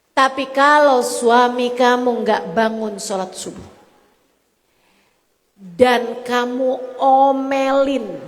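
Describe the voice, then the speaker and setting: A woman's voice: sits high, a bit bright. A woman preacher giving a sermon, speaking straight to her listeners in a lilting, sing-song cadence. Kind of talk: sermon to a women's audience. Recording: long hall reverb.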